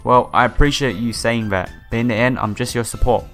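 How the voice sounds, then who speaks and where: Hosting a visual novel playthrough, a man reads the text aloud, stumbling over lines and dropping casual, sympathetic asides, with music behind him. His mid-range voice is a bit bright, fairly even, and a little fast.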